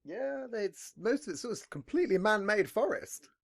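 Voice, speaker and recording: A young British man chats on his podcast, rambling and swearing freely with an animated, sing-song delivery. His voice sits a little high for a man. He talks into a headset mic in a dim room at home. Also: moderate pace, gravelly. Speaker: podcast host. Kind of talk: casual chat.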